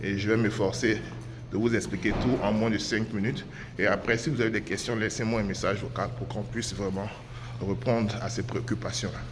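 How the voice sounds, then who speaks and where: Man giving a casual sales pitch. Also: steady tone, a little fast, background noise. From Côte d'Ivoire. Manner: informal and explanatory, peppers speech with "voilà" and hesitations. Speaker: trading school founder. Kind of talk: unscripted promotional pitch to camera.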